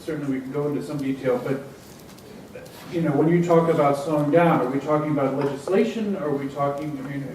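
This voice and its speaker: A male moderator probes the panelists, thinking aloud as he frames his questions. His somewhat high voice comes from far off in a noisy, very echoey hall. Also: quick pace, darkish tone.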